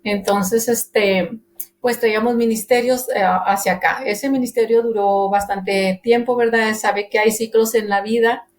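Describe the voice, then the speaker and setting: A woman's voice: a little high, steady tone, a little slow. A woman from Monterrey with a northern Mexican accent, giving an earnest personal faith testimony in a church radio interview, full of fillers and restarts. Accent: northern Mexican Spanish.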